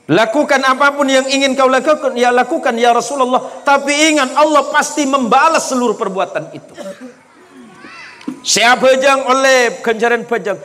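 A man's voice: extremely high pitch, bright, forceful tone. A male preacher from Indonesia giving a humorous sermon at a mosque, slipping into local dialect and laughing often. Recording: hall reverb in a mosque.

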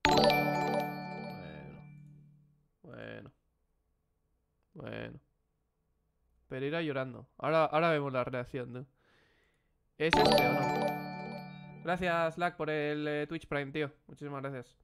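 A young man with a Spain Spanish accent, a streamer giving excitable, slangy reaction commentary and swearing freely. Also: fairly high pitch, normal speed, creaky, long pauses, soft background music.

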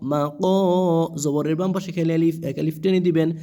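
A man teaching Quran reading, spelling out each letter slowly and answering his own questions. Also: a little high, steady tone, warm tone.

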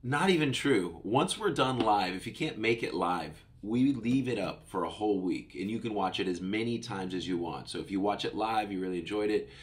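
Talking at a normal speed with few pauses, this podcast host has a lowish, animated voice and slight background noise. He's a middle-aged man in a home studio with headphones and a boom-arm studio mic, chatting solo in a rambling, upbeat way, self-correcting and a little congested from a cold.

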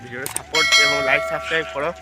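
Fast, high-voiced vlogger guy. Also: fairly even intonation, heavy background noise. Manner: chatty, keeps addressing viewers as friends. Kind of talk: casual travel vlog narration. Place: outdoors on village roads. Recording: background music under voice.

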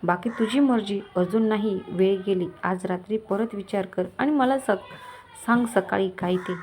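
A woman's voice: mid-range voice, normal speed, darkish tone, a little hiss or hum, natural voice. A woman voicing a scheming, lecherous middle-aged village moneylender who talks in a coaxing, menacing way. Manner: coaxing, menacing, falsely kind.

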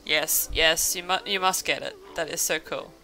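Speaking right into a close desk mic, a young woman keeps up casual gameplay chat with friends, quick to laugh and easily entertained. Her low voice is bright and forceful, with fairly even intonation and a moderate pace, and faint music plays in the background.

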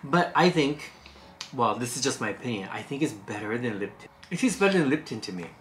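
A woman's voice: rumbling low, lively intonation, fairly quick, a little hiss or hum. A woman hosting a food review, chatting casually and thinking aloud while tasting snacks.

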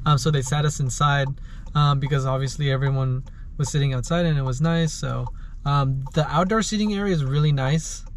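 A young man chatting casually for a vlog, relaxed and rambling with lots of fillers, filmed inside a car at night. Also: fairly high pitch, a little fast. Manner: relaxed, rambling, many ums and likes. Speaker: vlogger. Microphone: camera on dashboard. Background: loud car road noise.

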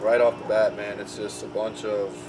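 A man, speaking with a cigar in his mouth as he casually reviews it, relaxed and drawling. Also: fairly low pitch, normal speed. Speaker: YouTube cigar reviewer, channel host. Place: outdoors at his house. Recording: distant mic, noisy outdoor air.

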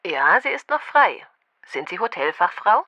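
A woman's voice: lowish voice, sing-song, unhurried, no room sound, dull audio, exaggerated voice. A woman playing a helpful, businesslike restaurant manager in a language-course dialogue, speaking courteously.

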